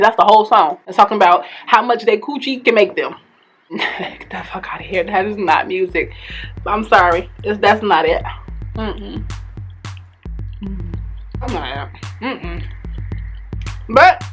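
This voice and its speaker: A woman's voice: medium pitch, a bit bright. Blunt, outspoken woman vlogger. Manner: blunt, outspoken, swears freely; eating while talking. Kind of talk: casual opinionated chat. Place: home in Minnesota.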